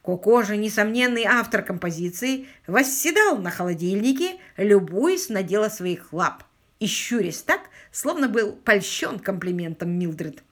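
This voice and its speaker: Expressive woman audiobook narrator. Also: mid-range voice, measured pace. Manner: expressive storytelling. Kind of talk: scripted narration.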